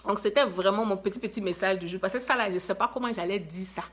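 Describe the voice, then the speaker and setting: A woman with an Ivorian French accent giving an inspirational talk to viewers, emphatic and lively, full of rhetorical questions and repeated phrases. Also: mid-range voice, fast. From Ivory Coast. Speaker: motivational speaker.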